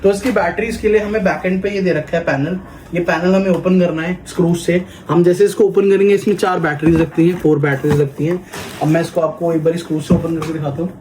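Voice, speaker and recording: Mixing Hindi and English, this toy shop presenter from India demonstrates a product step by step at a quick pace. His slightly high voice holds a steady, darkish tone, and the echoey room adds background noise and clicks.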